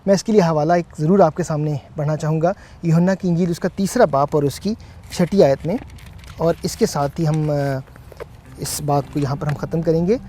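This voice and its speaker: A man co-hosting a Bible teaching talk, speaking in a measured way with frequent hesitant fillers. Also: a little high, steady tone, warm tone, a little hiss or hum. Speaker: co-host.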